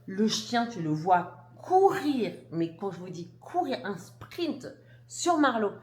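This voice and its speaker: A woman's voice: mid-range voice, very animated, slow. A mother vlogging to camera, telling a story emphatically and indignantly, with restarts and blunt words. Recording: roomy echo.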